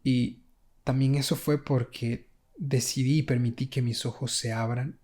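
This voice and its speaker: A man speaking as a guest on a faith podcast, talking in a reflective way with pauses and fillers. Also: medium pitch, fairly even intonation, a little mellow. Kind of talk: faith testimony conversation.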